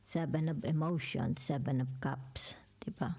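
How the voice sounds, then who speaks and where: An older woman giving a slow tarot reading, soft-spoken, who keeps checking in with the listener and often drops to a whisper. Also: low voice, gravelly, breathy edge. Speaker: tarot reader. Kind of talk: slow tarot reading, mixing Tagalog and English.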